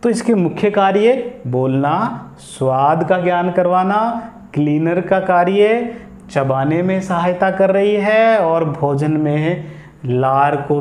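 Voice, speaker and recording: A man's voice: sits high, darkish tone. A man teaching biology step by step, repeating the key points. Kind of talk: classroom explanation. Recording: echoey room.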